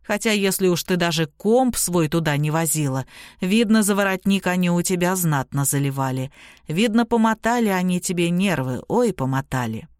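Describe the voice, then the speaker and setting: A woman voicing a gruff male ex-convict who talks in a mocking, folksy drawl. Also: fairly low pitch, expressive, normal speed, a little mellow, dry recording, clean studio sound, lightly acted. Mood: sly musing.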